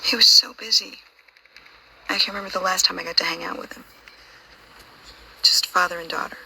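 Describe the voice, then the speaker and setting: A young daughter in a video game, wounded by grief and full of suspicion. Her voice is breathy and crackles with vocal fry, sharp and very bright, with faint noise behind it. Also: fairly low pitch, fairly even intonation, a little fast, heavily acted. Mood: grieving. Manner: raw, wounded, probing. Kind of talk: video game dramatic acting.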